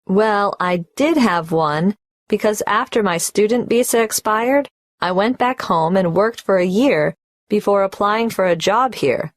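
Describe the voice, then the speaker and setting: A woman's voice: medium pitch, measured pace, no echo, studio quality, natural voice. An actress playing a young woman migrant applying for a tax number, speaking hesitantly and carefully spelling out her details. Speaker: applicant at the tax office. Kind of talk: scripted exam dialogue.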